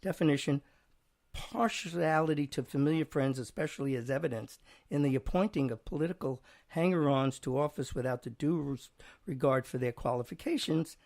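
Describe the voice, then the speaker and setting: This host keeps the chat casual, playfully reciting word definitions and sample sentences, laughing lightly and sometimes reading at a slow pace. He has a slightly high, creaky voice that is a little mellow.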